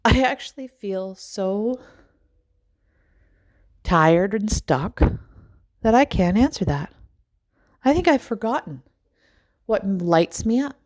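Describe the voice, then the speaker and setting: A woman's voice: mid-range voice, a little mellow. Musing, rambling middle-aged woman. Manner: musing, rambling, with sighs and pauses. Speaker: life coach. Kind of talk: personal reflective monologue.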